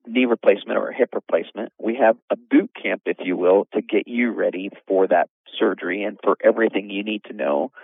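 A man's voice: on the low side, husky, no room sound, narrow, tinny audio. A man, an orthopedic surgeon, explaining things in a podcast interview with many fillers and restarts.

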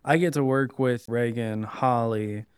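A man with a Midwestern American accent, speaking as a recruiter guest in a relaxed, rambling way. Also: mid-range voice, a little slow, smooth, no echo, studio quality. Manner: relaxed, rambling, uses lots of "like". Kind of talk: casual interview chat.

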